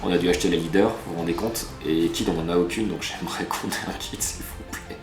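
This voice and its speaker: A man's voice: low voice, fast. A man hosting a card-opening video, chatting casually to viewers and exclaiming over each pull. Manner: excitable, exclaiming over cards, chatty asides. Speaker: host opening trading card packs. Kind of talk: casual unboxing chat to viewers. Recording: roomy room with background music.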